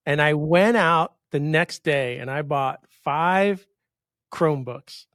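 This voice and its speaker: A New York man in his fifties hosts a casual podcast interview, his slightly high, somewhat bright voice moving slowly as he rambles through stories and keeps interrupting himself. The recording is dry and studio-clean.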